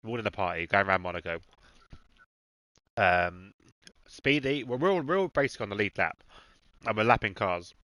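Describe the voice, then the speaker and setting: Bright-voiced man, casual and sweary. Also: fairly low pitch, animated, fairly quick, long pauses, dry recording, poor audio. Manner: laid-back, swears freely, talks to his dog and chat. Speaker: streamer hosting a racing game stream. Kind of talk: casual chat while eating on stream.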